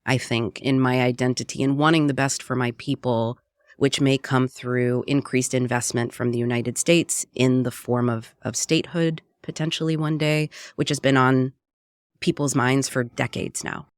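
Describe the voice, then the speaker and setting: A woman with an extremely low, fairly flat voice speaks at a moderate pace in a conversational interview. She's a cookbook author and radio producer from Puerto Rico, earnest and reflective, often ending thoughts with "right?", recorded cleanly in a studio without echo.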